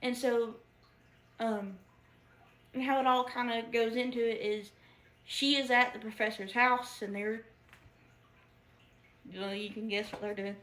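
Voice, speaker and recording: Woman, casual book review, giggly, fillers and restarts, higher voice, roomy echo. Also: steady tone, unhurried, pauses often, fairly bright tone. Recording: echoey room.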